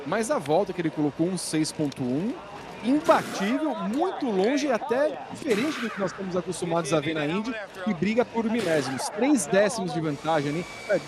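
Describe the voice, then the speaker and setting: A Brazilian man giving live motorsport analysis in an explanatory, emphatic manner. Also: high-pitched. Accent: Brazilian Portuguese. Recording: engine and vehicle noise behind.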